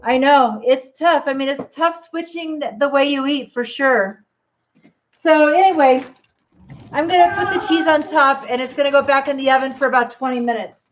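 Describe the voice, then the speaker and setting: A grandmother with a high voice chats away on her cooking livestream and talks straight to the viewers. She speaks from her home kitchen. The audio sounds dull and lo-fi. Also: normal speed, slight background noise. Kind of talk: casual livestream chat while cooking.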